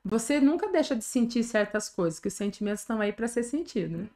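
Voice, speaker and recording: A very animated, fast-speaking woman with a dark tone and a voice on the high side gives a personal testimony. She's a middle-aged Brazilian pastor with a Brazilian Portuguese accent, earnest and conversational, often finishing sentences with a tag question.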